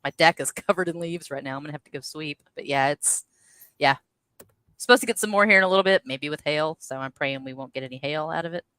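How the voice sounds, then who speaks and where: A woman's voice: low voice, fast talker, fairly bright tone, clean tone, no echo. A woman, co-hosting a casual chat and laughing often. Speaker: podcast co-host.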